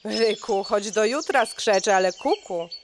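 A woman voicing a stubborn, proud cuckoo who speaks slowly and insistently. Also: medium pitch, natural voice. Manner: slow, insistent. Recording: birdsong noise behind.

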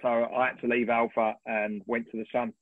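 A man in his fifties, a sports photographer, telling animated stories on a webinar and often clearing his throat. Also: mid-range voice, moderate pace, no room sound. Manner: animated, rambling storyteller with frequent throat clearing. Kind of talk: relaxed anecdotal storytelling on a webinar. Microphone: video call. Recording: tinny, dry video-call audio.

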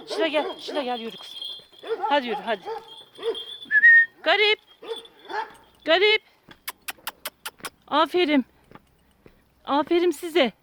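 High-voiced woman coaxing dogs outdoors. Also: background noise. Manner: coaxing, affectionate baby talk to dogs. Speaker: vlogger walking her dog. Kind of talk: casual chat, talking to dogs. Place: outdoors on a country path.

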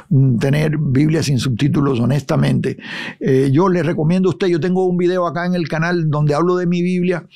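A man with a fairly high voice leads a verse-by-verse Bible study. He often pauses on filler sounds and restarts his phrases. He speaks straight to the listener like a preacher. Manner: addresses the viewer directly and warmly as a preacher. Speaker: Bible teacher.

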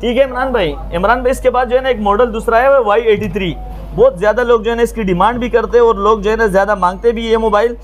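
High-pitched, eager Pakistani phone salesman. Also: steady tone, fast talker. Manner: eager, repetitive salesman patter. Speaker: mobile phone shop seller. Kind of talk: promotional sales pitch to camera. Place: small open-fronted mobile phone shop stall.

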